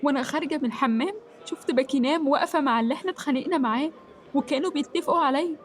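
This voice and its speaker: A woman's voice: high voice, racing, lightly acted. An actress with an Egyptian accent playing a nervous, apologetic young female university student in a radio drama, stammering when she is flustered. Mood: worried. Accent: Egyptian Arabic.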